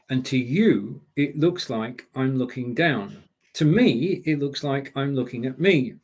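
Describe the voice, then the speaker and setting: A man with a mid-range, slightly mellow voice appears as a guest expert on a live show, broadcasting from his home studio. He gives viewers direct, coaching advice in an instructive live-stream style.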